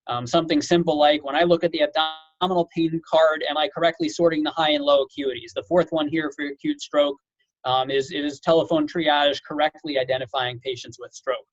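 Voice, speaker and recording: In a lo-fi recording with no room sound, a man with a slightly high voice lectures in an informal webinar. He's a physician and medical director who explains conversationally, dropping in casual asides.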